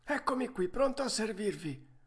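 Dude putting on a squeaky old carpenter, way up high, polite and meek. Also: male voice, lively intonation, normal speed. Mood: wry, obliging. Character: timid old male carpenter. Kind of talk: storybook reading.

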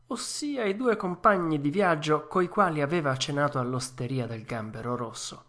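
Low-voiced, unhurried woman reading aloud. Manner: calm, measured storytelling. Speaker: audiobook reader. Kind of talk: audiobook narration of a classic children's tale.

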